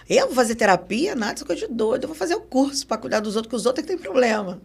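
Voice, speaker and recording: A woman in her forties from Brazil, a podcast guest telling her story in a casual, animated interview. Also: on the high side, rapid-fire, creaky, slightly rough. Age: 40s. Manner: animated, acts out remembered dialogue. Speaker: podcast guest, psychoanalysis educator.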